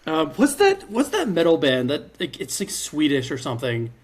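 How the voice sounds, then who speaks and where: A man's voice: fairly high pitch, huge pitch swings, moderate pace. A man co-hosting a podcast in casual chat, rambling, laughing often and swearing casually. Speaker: podcast co-host.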